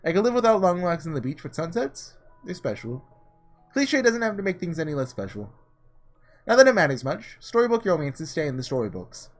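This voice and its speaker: This is a man's let's-play of a visual novel, where he thinks out loud casually and reads the dialogue aloud while music plays behind him. His voice sits on the high side, very animated and a little fast.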